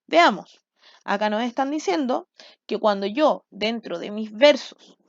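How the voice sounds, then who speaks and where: A woman's voice: a little high, expressive, unhurried, dry recording, dull audio. A woman from Chile teaching a class, explaining step by step and often checking with "¿cierto?" and "¿ya?". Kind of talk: recorded online class.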